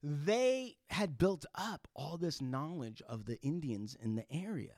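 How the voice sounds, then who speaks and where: A man's voice: fairly high pitch, expressive, unhurried, a little mellow, dry recording, clean studio sound. A man talking in a casual, opinionated way, explaining like an emphatic storyteller in everyday slangy language. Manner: emphatic storytelling with casual swearing and checking "right?". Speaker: podcast co-host explaining history.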